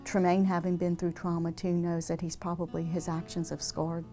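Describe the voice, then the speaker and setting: A woman speaks in a documentary interview, earnest and measured. Her voice is mellow and fairly low. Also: flat delivery, soft background music.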